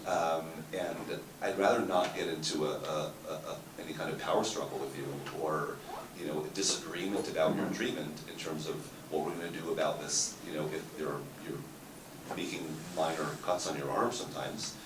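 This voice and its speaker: A man therapist answering on a conference panel, halting with many fillers and restarts. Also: a bass voice, steady tone. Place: conference room. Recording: echoey, distant, noisy conference room.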